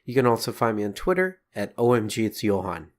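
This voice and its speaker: A man co-hosting a casual podcast, relaxed and skeptical, laughing easily as he pushes back on his partner. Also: on the low side, brisk. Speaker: podcast co-host.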